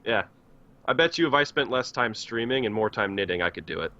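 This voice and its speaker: A man talks easily as a podcast guest, chatty and playful. His voice is bright and a little sharp, and it rises and falls a lot as he jokes. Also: medium pitch, animated, fairly quick, dry recording, muffled recording. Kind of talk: casual podcast chat.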